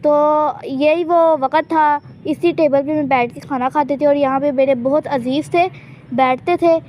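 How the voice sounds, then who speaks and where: A woman's voice: high-pitched, fairly even intonation, normal speed, darkish tone, slight background noise. A woman casually narrating a life-sim game in character, chatty and teasing, often hinting at secrets she won't share. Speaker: gameplay channel host.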